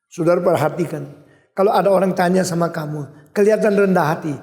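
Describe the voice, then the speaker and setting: An older male pastor with an Indonesian accent preaching a sermon with emphatic swings in loudness. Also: sits high, quick pace. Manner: emphatic, wide swings in loudness, switches briefly to English. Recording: echoey hall.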